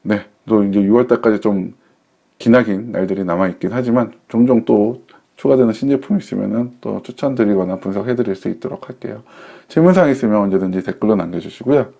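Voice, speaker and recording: A man's voice: fairly low pitch, fast talker, creaky, mellow. A man casually reviewing budget laptops, chatty, often correcting himself mid-sentence and explaining with simple analogies. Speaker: tech reviewer.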